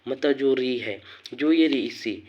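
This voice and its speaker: A man teaching Hindi grammar, explaining slowly and repeating phrases as he goes. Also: mid-range voice, a little mellow. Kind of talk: slow classroom explanation. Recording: dull lo-fi sound.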